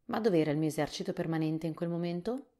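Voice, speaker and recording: A woman reading a storybook softly, voicing a thoughtful, worried male scarecrow king. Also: lowish voice, quick pace, lightly acted.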